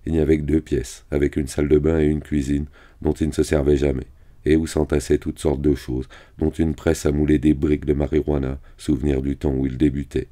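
Male reader with an extremely deep, dark voice, flat and steady, reading a novel aloud. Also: brisk.

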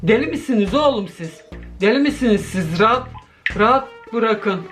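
A man making a horror video, reacting out loud to a video call and talking to his viewers in a jumpy, excitable way. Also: high-pitched, normal speed, soft background music. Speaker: horror YouTuber.

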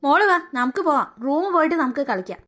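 Woman doing a cartoon aunt, bossy, haughty, scolding, threatening, very high voice. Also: lively intonation, fast talker, background noise. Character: scheming haughty adult aunt, mean and bullying. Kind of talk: cartoon story voice acting.

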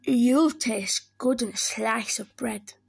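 A woman voicing a big, hungry male monster who talks slowly and heavily. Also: fairly high pitch, gravelly, husky, dry recording, exaggerated voice. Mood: heavy. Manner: slow and heavy.

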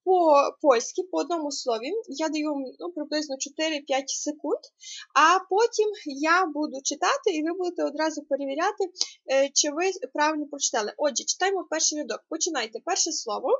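High-voiced woman tutor, patient, lots of ums, kinda dull lo-fi call audio. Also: fast, fairly bright tone. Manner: patient, explains step by step with many fillers. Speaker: Polish language tutor. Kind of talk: online language lesson.

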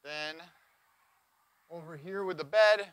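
A trailer reviewer in his forties, wearing a lapel mic, gives an enthusiastic walkaround tour of a camping trailer, pointing things out inside and around a cargo trailer on an outdoor lot. His voice is a little high, slow, a bit bright and clean, in a dry recording.

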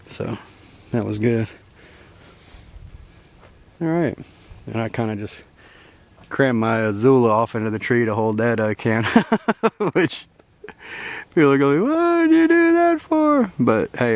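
A young camping vlogger, medium in pitch and very animated, leads a casual, rambling tour of his riverside campsite, chuckling often. He talks at a measured pace with long pauses. The handheld camera mic gives a dry recording outdoors, with faint outdoor noise.

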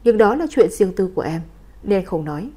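Woman reading as a stern male crime boss, calm and clipped, mellow low-toned voice, audiobook story. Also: a little fast, lightly acted. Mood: firm.

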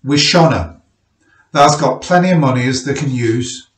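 A man's voice: medium pitch, roomy sound, distant mic, lightly acted. A man voicing a big, indolent miner husband who talks easily and unhurriedly. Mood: easygoing. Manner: easy, slow-witted, unhurried.

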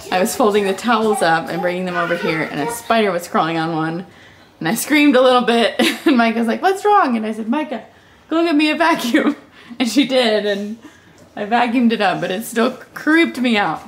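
A young woman chatting casually about her home, upbeat and quick to laugh. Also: medium pitch. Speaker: vlogger. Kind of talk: casual home tour chat. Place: bathroom of a new house.

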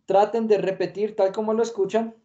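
A man's voice: high-pitched, flat delivery, brisk, warm tone. A man teaching an English lesson online, explaining patiently with fillers, in dull lo-fi audio.

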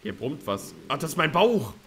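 A man streaming a co-op survival game with his friend, chatting loosely and swearing freely. His voice sounds bright and forceful and swings widely up and down. A faint hiss sits under the recording. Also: medium pitch, moderate pace, creaky. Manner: excitable, swears, bursts into shouting laughter. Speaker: let's play host. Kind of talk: casual co-op gaming chat.

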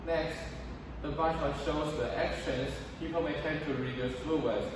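A teenage boy from Taiwan reads a prepared English presentation, slightly high for his age group and pacing each point with care. His voice sits far from the microphone and rings around a large, reverberant hall. A clear hiss of background noise runs under everything. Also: fairly even intonation, moderate pace. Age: teens. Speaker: student presenter. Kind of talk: reading a scripted English presentation. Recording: echoey hall from far off, noisy.

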